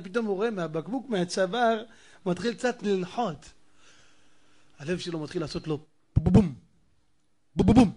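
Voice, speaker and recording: Guy preaching a story, really high bright voice, dramatic and playful. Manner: animated, dramatic, chuckling. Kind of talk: storytelling sermon.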